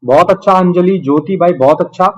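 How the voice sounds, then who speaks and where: A man with a moderately high-pitched voice teaches an online class. He talks conversationally and explains step by step, as one would to children. He is encouraging and keeps adding little tags to check that his students follow. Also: a little fast, highs cut off. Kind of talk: live quiz lesson with students, conversational teaching.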